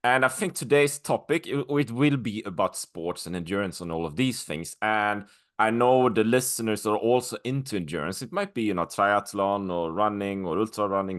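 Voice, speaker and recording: Casting: lowish male voice, easygoing podcast host who chats freely. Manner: relaxed, chatty, restarts often. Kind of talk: casual podcast talk.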